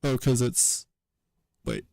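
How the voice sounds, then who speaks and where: A man streaming as he works through a linguistics problem, thinking aloud in a hesitant, wry way with many pauses. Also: mid-range voice, huge pitch swings, gravelly, a little mellow, dry recording. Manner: hesitant self-talk with many pauses and fillers.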